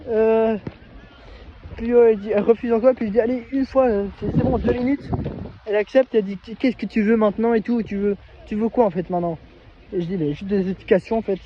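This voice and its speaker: High-voiced hesitant man telling a story. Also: fairly even intonation, background noise. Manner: hesitant, halting, many restarts. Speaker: vlogger. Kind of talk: casual storytelling to camera. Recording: dull lo-fi recording.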